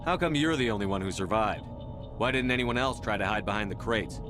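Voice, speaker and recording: An actor playing a stern soldier who bluntly questions a witness. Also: male voice, on the low side, fairly quick, music in the background, natural voice. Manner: blunt, interrogating. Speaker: game protagonist.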